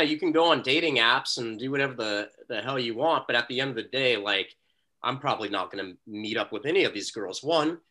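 Man, podcast co-host, casual hesitant chat, bright voice. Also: medium pitch. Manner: laid-back, hesitant with fillers.

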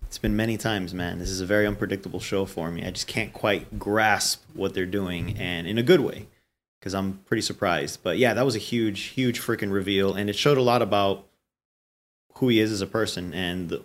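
A man in casual chat, reviewing a TV episode, animated and swearing casually as he acts out characters' lines. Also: sits low, moderate pace. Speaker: podcast co-host reviewing a show.

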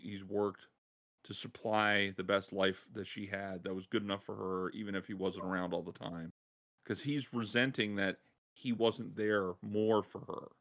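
A man hosting a podcast, excitedly retelling a game side quest in casual chat and laughing as he goes. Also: on the low side, creaky. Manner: excited, laughing storyteller who acts out quotes. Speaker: podcast host.

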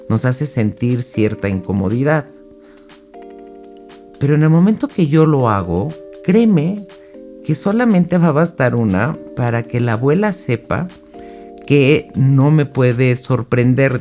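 A woman's voice: extremely low pitch, darkish tone. A woman giving casual advice on personal boundaries, speaking straight to the listener and acting out short quoted lines. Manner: acts out little quoted lines in passing.

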